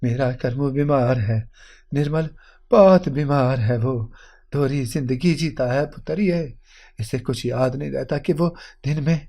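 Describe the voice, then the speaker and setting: A man's voice: medium pitch, mellow, natural voice. A man voicing a trembling, tearful old mother. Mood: tearful pleading. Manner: trembling, stammering. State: crying. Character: tearful elderly mother confessing a secret.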